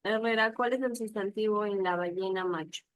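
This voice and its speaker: A woman's voice: medium pitch, moderate pace, no room sound, low-quality recording. A woman teaching an online class, patiently repeating examples and checking whether her students follow.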